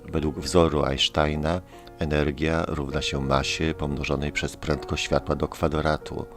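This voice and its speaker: A man with a very deep, low voice reads a scripted science narration. His delivery is calm and measured, laying out each point steadily. Music plays clearly underneath the voice-over. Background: background music.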